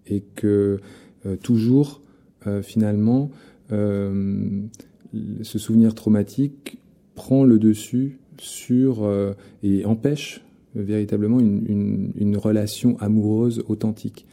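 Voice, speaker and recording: A man's voice: lowish voice, steady tone, slow pace, warm tone. A man, a literary guest in an interview, giving an analytical answer that halts on many fillers and repeated words.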